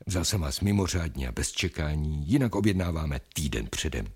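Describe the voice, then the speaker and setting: An actor playing a calm male psychiatrist in a radio drama, measured and soothing as he steers the talk. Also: a bass voice, husky, full character voice. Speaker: psychiatrist and narrator.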